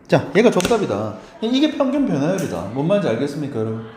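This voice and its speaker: A male math teacher explains with a swinging, animated pitch and a mellow, dark tone. He keeps turning to his students to ask whether they follow, chatty and encouraging. His voice rings a little in a roomy space. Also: fast talker, slight background noise. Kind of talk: lively lecture to students. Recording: roomy echo.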